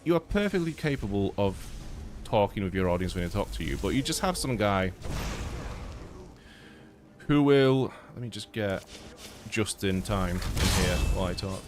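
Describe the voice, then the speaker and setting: On a live gaming stream, a young man from Poland chats loosely with a slightly stuffy nose, swearing plenty and rambling through fillers and restarts. His lowish voice is expressive at a moderate pace, he pauses often, and there's background noise.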